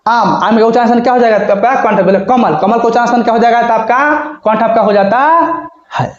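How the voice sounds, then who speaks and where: High-voiced man teaching in a roomy echo. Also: steady tone, quick pace. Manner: repetitive, asks and answers his own questions. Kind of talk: whiteboard grammar lesson. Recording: roomy, dull lo-fi sound.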